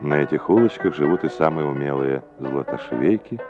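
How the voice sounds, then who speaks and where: Male newsreel narrator, 1980s documentary voice-over, very low, formal and measured, muffled archive audio. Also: expressive, music in the background. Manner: measured, formal announcer delivery. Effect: old Soviet newsreel sound.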